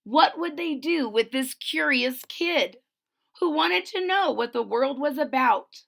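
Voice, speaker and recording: Slow and gravelly, this high-voiced woman is a read-aloud storyteller working through a rhyming picture book for children. Between verses she turns to her audience with expressive, chatty remarks.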